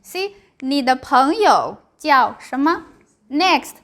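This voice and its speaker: A woman's voice: high voice, sing-song, slow pace, a bit bright. A woman teaching a language class with a Chinese accent, speaking in short simple phrases, repeating and checking understanding. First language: Mandarin Chinese. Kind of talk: language lesson, drilling and explaining.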